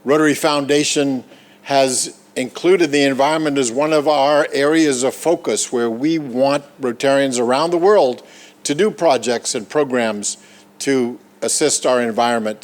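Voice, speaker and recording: A Bahamian man who chairs the Rotary Foundation trustees gives an earnest, encouraging ceremonial speech at a podium. He speaks at a medium pitch and normal speed.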